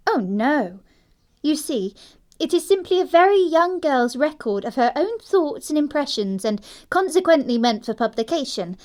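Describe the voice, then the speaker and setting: In a classic comedy audio drama, a woman plays a prim young society girl, speaking in a high voice with precise, theatrical delivery. She is very animated yet a little mellow, at normal speed, sounding dreamy but utterly self-assured, with a prim, eager mood.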